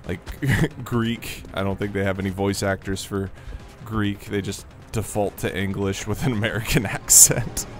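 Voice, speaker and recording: A man's voice: on the low side, little pitch movement, moderate pace. A man at a desk mic, chatting casually and laughing often as he plays a strategy game. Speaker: gaming channel host. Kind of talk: casual let's-play commentary. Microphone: desk mic on a stand. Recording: game music behind.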